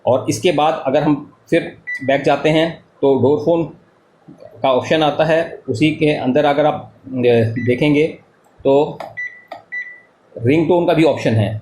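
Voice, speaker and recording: This product demonstrator, an Indian-accented man, speaks a little slowly with fairly even intonation in a slightly high voice with a darkish tone. He explains the product step by step, repeating the main points, in an echoey room with noticeable background noise.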